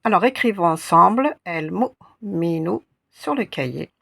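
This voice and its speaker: Slow husky woman teaching Arabic letters. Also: on the low side, lively intonation, a bit bright. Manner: patient, repeats sounds syllable by syllable. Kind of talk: slow step-by-step lesson.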